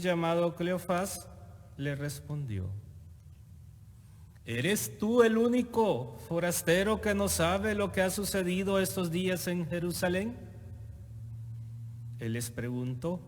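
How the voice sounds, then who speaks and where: Slow solemn priest with cathedral echo. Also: male voice, fairly high pitch. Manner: slow, measured, solemn reading. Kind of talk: liturgical Gospel reading. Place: large church. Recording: cathedral echo with faint noise.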